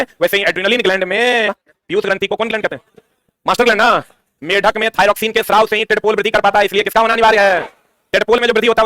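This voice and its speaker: Rapid-fire teacher quizzing himself. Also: male voice, high voice, fairly bright tone, no echo. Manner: quizzing, asks and answers his own questions. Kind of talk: exam-prep science lesson.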